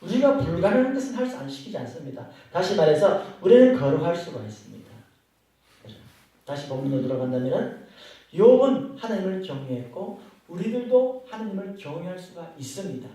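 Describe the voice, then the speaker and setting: A man's voice: high voice, very animated, fairly quick, mellow. A male pastor preaching a sermon, explaining scripture and putting rhetorical questions to his congregation. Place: church sanctuary. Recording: very echoey church hall from far off.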